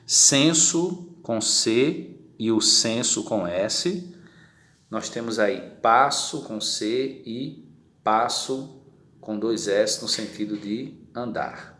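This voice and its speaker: Low-voiced teacher in an echoey room. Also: male voice, animated, a bit bright. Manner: explanatory, often adds tag questions; drawn-out, slowed words when giving examples. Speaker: Portuguese teacher. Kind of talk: recorded online grammar lesson.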